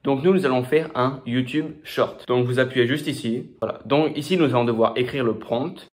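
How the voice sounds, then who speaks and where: French-speaking man giving a casual software tutorial. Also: medium pitch, normal speed. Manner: casual, with many fillers and restarts. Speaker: tutorial host. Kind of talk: screen-recorded software tutorial.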